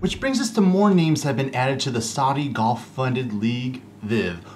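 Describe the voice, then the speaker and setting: A man's voice: medium pitch, lively intonation, moderate pace, darkish tone, soft background music. A man hosting a joking golf news rundown in a sarcastic, wisecracking manner.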